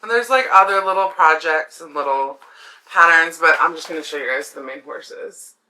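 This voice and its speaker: A woman's voice: low voice, normal speed, pushed and bright, rough recording. A woman with a swollen throat affecting her voice, hosting a casual craft vlog in a chatty, rambling way with enthusiastic asides. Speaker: craft video host.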